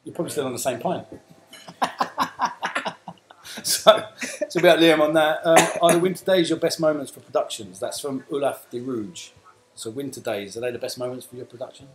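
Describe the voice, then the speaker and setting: A man's voice: mid-range voice, a little fast. Man, South London accent, host, casual chat, reads comments aloud, roomy echo, faint background noise. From England. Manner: chatty, reads out viewer comments.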